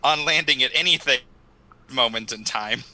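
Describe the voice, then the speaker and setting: Very bright, sharp-voiced man chatting. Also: mid-range voice, moderate pace, no echo, poor audio. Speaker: tabletop game player. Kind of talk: casual joking game chat.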